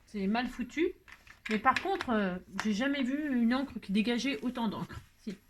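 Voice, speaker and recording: A woman's voice: a little high, animated, measured pace, a bit bright. A woman hosting a casual crafting tutorial at her home craft table. She chats away and answers her own remarks, adds playful sound effects, and grumbles over slips before laughing them off. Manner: gets annoyed by mistakes, then laughs it off. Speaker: crafting video host. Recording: noisy home recording.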